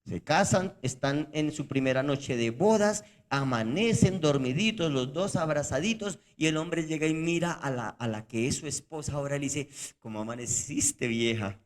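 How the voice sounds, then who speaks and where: Emphatic man explaining, higher-pitched. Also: animated, moderate pace, few pauses. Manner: emphatic, explanatory, acts out quoted lines. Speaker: podcast co-host.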